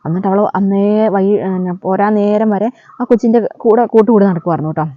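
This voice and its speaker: A woman's voice: mid-range voice, steady tone, fairly quick, dry recording. A woman, telling a story in a chatty vlog way and adding a friendly "you know" to her sentences. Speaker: vlogger. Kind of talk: casual storytelling. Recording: dull lo-fi dry recording.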